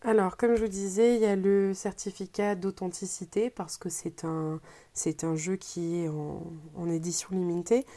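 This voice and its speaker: Soft, mellow French woman, hesitant unboxing chat. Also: on the low side, steady tone, moderate pace. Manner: hesitant, searching for words. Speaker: tarot deck reviewer. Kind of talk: casual unboxing presentation.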